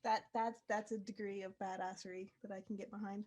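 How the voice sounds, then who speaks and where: A woman's voice: mid-range voice, little pitch movement, fairly quick, darkish tone. A woman playing a tabletop game with dry, wry humor. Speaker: player.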